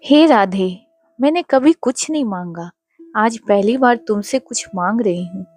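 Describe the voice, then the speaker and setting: A woman's voice: mid-range voice, animated, a little slow, darkish tone, faint music behind. A woman voicing a desperate poor mother who pleads in prayer for her sick child. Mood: pleading.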